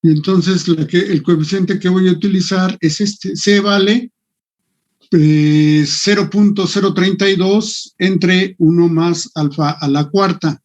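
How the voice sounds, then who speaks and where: A man's voice: sits high, fairly even intonation, slow pace, a little mellow, poor audio. A man teaching an online engineering class, thinking aloud and muttering to himself as he works on screen. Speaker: engineering lecturer.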